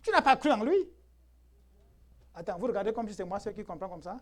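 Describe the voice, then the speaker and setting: A man's voice: sits high, sing-song, brisk. Emphatic male pastor preaching to his church. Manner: emphatic, rhetorical questions, laughs often. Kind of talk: preaching a sermon.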